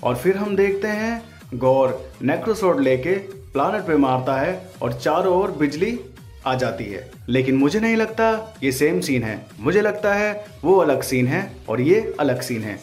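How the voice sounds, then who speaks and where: A video host with a slightly high, darkish voice narrates a voice-over breakdown as commentary for viewers, keeping it informal with crude, slangy jokes.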